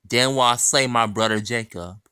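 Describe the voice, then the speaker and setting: A man's voice: mid-range voice, moderate pace, sharp tone, clear, resonant tone, no echo. A man who cites chapter and verse, reads passages aloud and comments on them in an insistent way. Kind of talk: scripture quoting and commentary.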